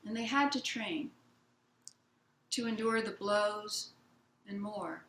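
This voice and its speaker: Slow, bright-voiced woman giving a dharma talk. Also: medium pitch, a little hiss or hum. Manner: gentle, unhurried, reads a picture book aloud. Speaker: Zen teacher. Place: meditation hall of a Zen center. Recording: roomy hall sound.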